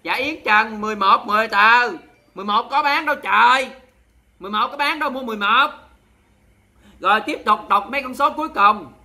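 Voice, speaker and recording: Sassy fast-talking Southern Vietnamese man. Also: very high voice, pushed and bright. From Mekong Delta, Vietnam. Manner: sassy, dramatic, scolding viewers in jest. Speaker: livestream host. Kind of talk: charity livestream chat.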